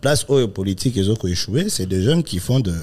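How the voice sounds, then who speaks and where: A man impersonating a firm, ponderous head of state in a comic mock interview, with a Congolese accent and halting, repetitive phrasing that switches between languages. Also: fairly low pitch, animated, a little mellow. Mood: solemn, promising.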